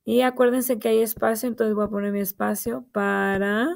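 A female teacher slowly guides young children through writing a short sentence in an early-grade lesson, patiently spelling out letters and pointing at each word. Her slightly high voice is gravelly and level, at a normal speed.

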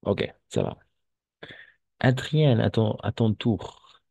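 A man's voice: fairly low pitch, animated, slow, vocal fry, mellow, breathy edge, no echo, dull audio. A male French teacher giving an online class, patiently repeating words and switching into Spanish to explain them.

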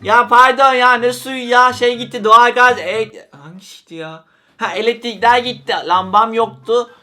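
A man's voice: very high voice, steady tone, moderate pace, pushed and bright, faint music behind. A young man acting as a whiny schoolboy in a comedy sketch, making excuses and pleading.

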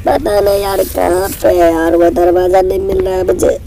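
Young guy doing horror gameplay commentary, hoarse with a cold, gravelly, mellow tone, keeps repeating stuff nervously. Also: sits high, level tone, normal speed, a little hiss or hum, rough recording. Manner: jittery, repeats words in bursts, yelps when spotted. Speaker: gaming channel host.

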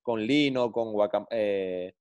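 A middle-aged man, a former footballer telling blunt, animated stories in an interview. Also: fairly low pitch, slow, muffled recording. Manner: blunt, animated storyteller with slang. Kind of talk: interview storytelling.

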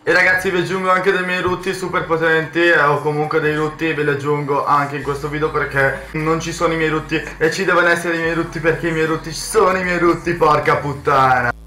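A young man with a bright, forward voice talks casually to his viewers as a video host. The room adds noticeable echo, with faint noise behind him. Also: on the high side, fairly even intonation, brisk, hardly any pauses. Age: young adult. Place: indoors at a computer desk.

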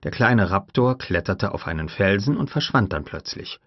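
Low male narrator, measured storytelling, dry and dull lo-fi recording. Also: animated, no room sound. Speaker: audiobook narrator. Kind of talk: scripted narration.

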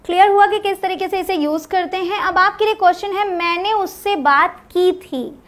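A young woman teaching English grammar in an online lesson, explaining step by step and reading example sentences slowly and deliberately. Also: extremely high pitch, a bit bright. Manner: explains step by step, checks in with "clear?".

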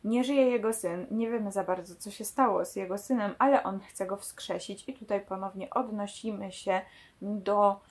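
A woman's voice: mid-range voice, normal speed. A woman book vlogger talking casually about a novel and its screen adaptation, with frequent hesitations. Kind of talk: casual book-versus-film discussion.

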